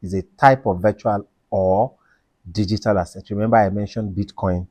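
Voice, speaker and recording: Male tax explainer, low-pitched, emphatic and repetitive, dry booth-like recording. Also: steady tone, normal speed, mellow, no echo. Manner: emphatic, repeats key points, asks and answers own questions. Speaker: tax educator. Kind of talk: explainer video lecture.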